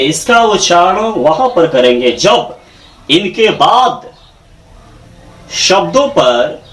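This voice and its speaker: A man giving a grammar lesson, his pitch high and swinging widely as he drills each rule. He repeats every point twice over and keeps checking that listeners follow. The sound is roomy and echoing, with the mic set back from him. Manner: repeats each point in English and Hindi terms, asks rhetorical checks. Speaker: English grammar teacher. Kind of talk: classroom lecture. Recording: echoey room, mic far off.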